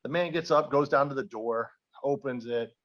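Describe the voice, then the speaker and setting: A man's voice: medium pitch, moderate pace. Man with a dull lo-fi sound. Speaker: podcast host. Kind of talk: casual podcast chat.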